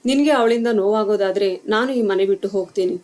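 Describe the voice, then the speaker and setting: A woman voicing a calm young husband and son who gently reasons with his mother in a storybook tale. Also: medium pitch, fast talker, close to an everyday voice. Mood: firm.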